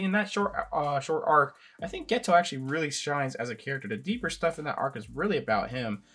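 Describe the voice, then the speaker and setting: Raspy from a sinus infection, a channel host with a mid-range voice rambles in a relaxed way through a casual toy review, using plenty of filler words.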